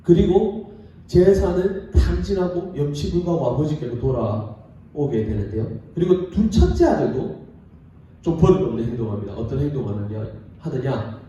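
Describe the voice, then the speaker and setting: A man's voice: on the high side, expressive, moderate pace, dark tone, muffled recording, slight background noise. Male youth pastor, sermon, storytelling with rhetorical questions, distant mic, echoey church hall. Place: church sanctuary.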